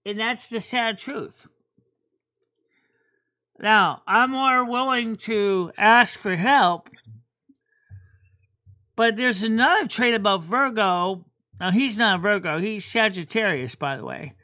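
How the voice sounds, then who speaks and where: A woman hosts a casual livestream chat in a bright, forceful voice. She rambles and often repeats words as she works through her thoughts. Her pitch sits right in the middle. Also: lively intonation, slow pace, long pauses. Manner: rambling, repeats words while thinking aloud. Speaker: host.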